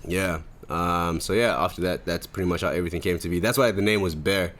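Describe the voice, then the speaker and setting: Fast-talking with a low, slightly bright voice, a podcast host from Zimbabwe in his twenties keeps the conversation loose. He rambles casually and uses plenty of slang.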